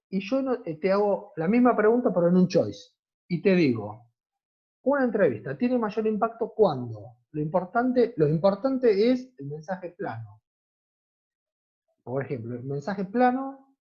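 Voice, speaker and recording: A man's voice: on the high side, slightly rough, highs cut off. A man with an Argentine accent teaching a class online, often checking in with his students and asking questions that he answers himself. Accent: Argentine Spanish. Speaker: university teacher.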